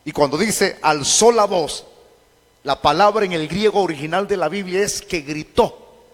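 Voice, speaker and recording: A man preaching a sermon into a handheld microphone in a church hall, going from quiet explanation to shouted climaxes. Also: sits high, moderate pace.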